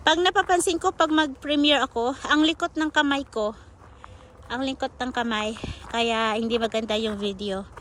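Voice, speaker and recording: High-pitched woman rambling to her viewers on a walk, phone mic, faint outdoor noise behind her. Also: normal speed, fairly bright tone. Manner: chatty, coaxing, sing-song baby talk to a squirrel. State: out of breath on an uphill stretch. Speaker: vlogger. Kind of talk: casual walking vlog, talking to viewers. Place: outdoors on a city park trail. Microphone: handheld phone camera.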